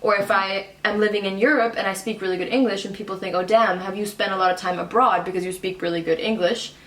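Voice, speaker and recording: A young woman, a native German speaker who grew up abroad in Cairo, Dubai and Shanghai, chats casually as a guest, laughing often and using lots of fillers. Her mid-range, fairly bright voice moves quickly with fairly even intonation. The audio is poor and reverberant.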